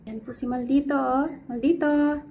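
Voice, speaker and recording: A woman's voice: on the high side, fairly even intonation, takes it slowly, highs cut off. A woman talking to her cats in sing-song baby talk, filming them outdoors on a phone in a breezy sunny spot. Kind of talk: casual baby talk to pets.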